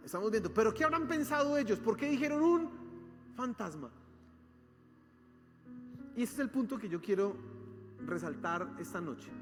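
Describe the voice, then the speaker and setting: A Colombian pastor with a high voice preaches with lively drama, acting out voices and questioning his listeners. His voice rings with a long hall reverb, and soft instrumental music plays underneath. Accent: Colombian Spanish. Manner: animated preaching, acting out cries and questions to the congregation. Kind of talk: sermon. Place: church hall.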